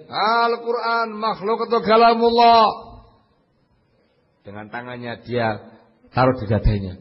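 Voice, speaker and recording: A man preaching a religious lecture, telling stories animatedly, swinging between loud lines and murmured asides. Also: mid-range voice, breathy edge, in a large hall. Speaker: Islamic preacher. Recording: dull lo-fi lecture recording.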